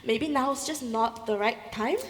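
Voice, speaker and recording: Woman playing a high, slow, doubtful friend. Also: lightly acted. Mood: hesitant. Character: blunt, doubtful female friend. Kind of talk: theatrical stage acting. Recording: echoey hall.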